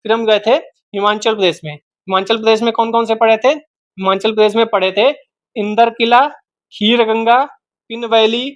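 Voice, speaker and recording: A man's voice: high-pitched, fairly even intonation, normal speed, no room sound, lo-fi sound. A man teaching a map-based geography lesson for exam students, repeating each name and asking and answering his own questions.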